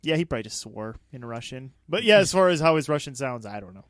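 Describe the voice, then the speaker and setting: A man from the Dakotas in the United States co-hosts a movie podcast, chatting casually and animatedly and often laughing as he talks. He speaks fast in an expressive mid-range voice, with clean studio sound and no echo.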